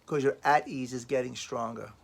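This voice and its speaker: A man's voice: medium pitch, steady tone, moderate pace, creaky. A man talking as a life coach in a casual motivational vlog, rambling and emphatic, often repeating his phrases.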